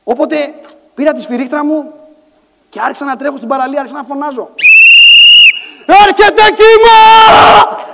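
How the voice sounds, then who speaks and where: A middle-aged man giving an animated motivational stage talk, acting out dialogue and shouting some lines in a large conference hall. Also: extremely high pitch, gravelly, a little hiss or hum. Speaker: conference speaker. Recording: echoey hall sound.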